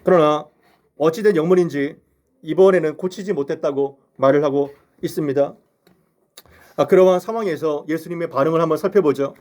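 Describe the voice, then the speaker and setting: A man's voice: fairly high pitch, a little fast, darkish tone. A male pastor preaching a sermon in a church, earnestly asking the congregation rhetorical questions. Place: church sanctuary.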